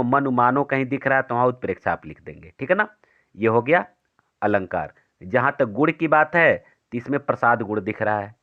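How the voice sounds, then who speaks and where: A man gives a Hindi poetry lesson to exam students, explaining step by step, asking his own questions and answering them, and reciting verse slowly. His voice is mid-range, and the sound is phone quality.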